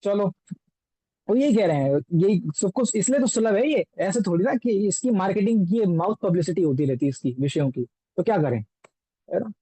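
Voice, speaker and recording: A man's voice: high-pitched, expressive, normal speed, warm tone, breathy edge, dry recording, low-quality recording. A man teaching a scripture text, explaining it through everyday examples and rhetorical questions.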